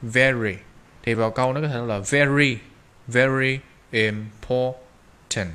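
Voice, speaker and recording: A man teaching English pronunciation, drawing out slow model phrases between quick explanations. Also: medium pitch, bright, forceful tone, clear, resonant tone. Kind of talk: pronunciation lesson.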